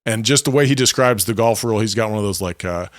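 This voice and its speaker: A man's voice: fairly low pitch, fast talker, no echo, clean studio sound. A man co-hosting a podcast, retelling sitcom plots in a rambling, enthusiastic way with many restarts. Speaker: podcast co-host. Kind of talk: casual chat.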